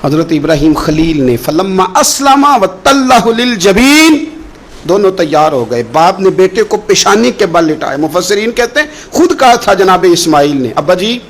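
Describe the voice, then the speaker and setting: A male preacher telling a religious story with passion, slowing into chanted recitation of verses. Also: fairly high pitch, animated, rough recording. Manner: impassioned, slow chanted Quran recitation between stories. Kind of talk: Urdu sermon storytelling.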